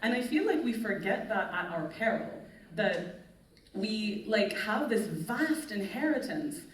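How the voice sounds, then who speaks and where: A woman's voice: mid-range voice, animated, unhurried, far from the mic. A woman author on a live panel, articulate and lecturing, with a self-mocking edge. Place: festival stage in a large hall. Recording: echoey hall, voice from afar.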